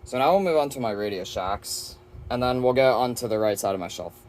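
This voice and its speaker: At home in front of a shelf of radios, a male collector gives a casual show-and-tell vlog touring his weather radios. His mid-range voice is brisk and a little mellow with lively intonation, and there is slight background noise.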